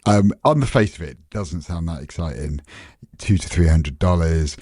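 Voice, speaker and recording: A sleep-deprived man co-hosting a podcast, relaxed and wry in casual chat. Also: sits low, moderate pace, breathy edge, no room sound, clean studio sound. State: short on sleep. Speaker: podcast co-host.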